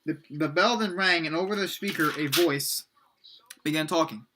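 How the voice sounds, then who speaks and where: A man's voice: fairly high pitch, normal speed, background noise. A man casually reading his own book aloud, stumbling, correcting himself and adding chatty asides.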